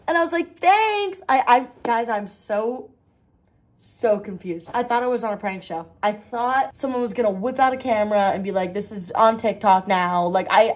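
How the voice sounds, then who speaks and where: A young woman with a fairly high voice tells a story in a chatty, animated way. She acts out the quoted lines of others as she talks. Her delivery is loose and casual, the way a vlogger talks to her viewers. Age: young adult.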